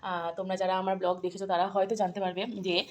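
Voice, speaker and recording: A woman vlogger talks quickly to her phone camera, repeating herself and coaxing her viewers. Her voice bounces around an echoey room with a faint hum of ambient noise behind it. Her pitch sits in the middle. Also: flat delivery, a little mellow. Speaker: lifestyle vlogger. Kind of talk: casual vlog talk to camera.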